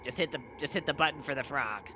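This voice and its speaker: A man's voice: fairly high pitch, quick pace, background noise, voice pushed up, lightly acted. A man voicing a jittery, nervous man who repeats himself.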